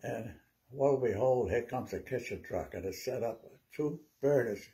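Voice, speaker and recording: A man in his nineties, an old veteran remembering his war days in a halting, rambling, conversational way with repeated words. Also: medium pitch, lively intonation, dark tone. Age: 90s. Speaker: WWII veteran interviewee. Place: small living room at home, seated.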